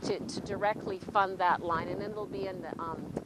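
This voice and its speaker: A woman's voice: lowish voice, fairly even intonation, moderate pace, heavy background noise. A woman, a city councillor answering interview questions, hesitant and given to repeating words.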